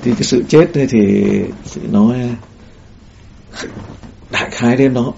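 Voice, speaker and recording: A man's voice: mid-range voice, measured pace, creaky, dark tone, slight background noise. A man giving a Buddhist dharma talk in a rambling way, with many fillers and restarts. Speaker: Buddhist teacher. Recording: dull lo-fi recording.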